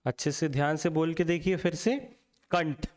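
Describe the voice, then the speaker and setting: A man's voice: fairly high pitch, steady tone. A young man teaching a Hindi grammar lesson, sounding out letters one by one and asking the viewer questions. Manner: slow, repeats sounds aloud and quizzes the viewer.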